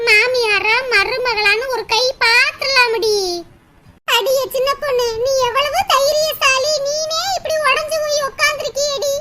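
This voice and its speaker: A woman's voice: very high voice, steady tone, unhurried, heavily acted. A woman voicing a bossy but kind-hearted village woman in a cartoon, scolding and comforting with laughs. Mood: consoling. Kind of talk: cartoon voice acting. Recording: loud background noise.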